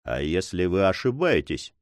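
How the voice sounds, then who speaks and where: A man reading a quiet commanding count. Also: sits low, big pitch swings, normal speed, no room sound, voice pushed down. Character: count, stern fatherly pirate leader.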